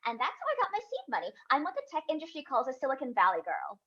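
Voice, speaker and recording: A woman's voice: high-pitched, huge pitch swings, fast talker, pushed and bright, lo-fi sound, exaggerated voice. A woman reading a brash young tech founder. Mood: smug. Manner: blunt, brassy delivery. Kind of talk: table read.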